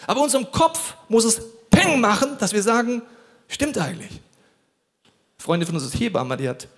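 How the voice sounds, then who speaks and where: Male preacher, fairly high voice, animated sermon delivery, addresses listener directly. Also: a little fast.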